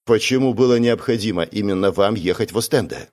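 A man's voice: lowish voice, brisk, darkish tone, natural voice. A man voicing a cold, stern young woman. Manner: cold, clipped questioning.

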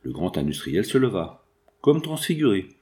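Male audiobook narrator, classic novel, lively intonation, literary storytelling. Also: on the low side, normal speed. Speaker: audiobook reader. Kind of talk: scripted narration of a 19th-century novel.

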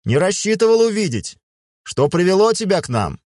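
A man reading an audiobook, voicing a jovial middle-aged chieftain and father with hearty, booming greetings. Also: sing-song, normal speed, a little mellow, no echo, studio quality. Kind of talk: audiobook character voice.

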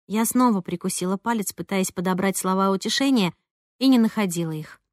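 A woman narrating a first-person audiobook in an expressive, lively way. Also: mid-range voice, fairly quick, no echo, studio quality. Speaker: audiobook reader.

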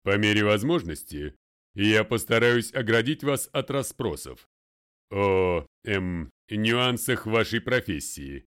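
A man puts on a stern, domineering older lawyer for an audiobook, booming and slow, every word weighed. His tone is smooth and resonant, and he speaks as if no one would dare interrupt. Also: lively intonation. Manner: loud, commanding, slow and deliberate. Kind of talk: audiobook character voice.

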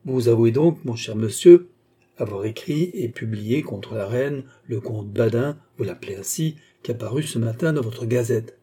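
Jeune noble hautain et martial, ton sec et menaçant, voix sombre et voilée, lu par un homme. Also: male voice, medium pitch, normal speed, warm tone, breathy edge, lightly acted. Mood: commanding. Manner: clipped, commanding, threatening. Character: curt, proud young nobleman, military manner.

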